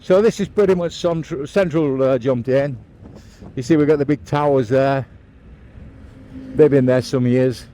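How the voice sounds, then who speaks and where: An English-accented man, a motovlogger, narrates a casual vlog like a tour guide, chatty and matter-of-fact, while scootering along a beach road outdoors. He speaks a little slowly in a mellow, mid-range voice, with slight background noise.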